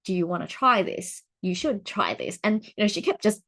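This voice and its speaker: Chatting casually at a moderate pace, a woman in her forties films a vlog to camera. Frequent laughter breaks up her talk, and excitement sends her pitch swinging up.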